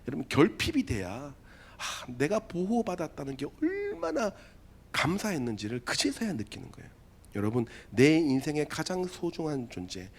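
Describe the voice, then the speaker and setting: A man preaching a sermon to teenagers as their youth pastor in a church, telling a story in an animated way and acting out the voices. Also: medium pitch.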